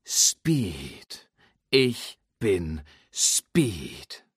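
A man's voice: a little high, wildly swooping pitch, a little slow, fairly bright tone, husky, no room sound, studio quality, pitched above the performer's own voice, full character voice. Lightning McQueen: a man voicing a cocky young race car. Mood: focused. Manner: cocky, self-psyching.

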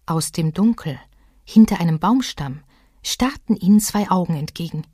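Female storybook reader, very lively melody, dry close sound. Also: on the low side, moderate pace, husky, no room sound. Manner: expressive, lively reading. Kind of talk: children's storybook reading.

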